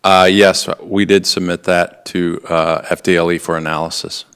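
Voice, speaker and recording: A man's voice: deep voice, little pitch movement, normal speed, a bit bright, clean tone. A man testifying in court as a lead detective, polite, formal and matter-of-fact in his answers. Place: indoor courtroom.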